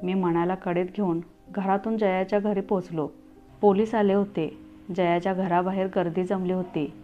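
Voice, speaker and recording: A woman's voice: on the low side, steady tone, normal speed. Woman narrating an earnest story. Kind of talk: scripted first-person story narration. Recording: tinny phone-like audio, faint music.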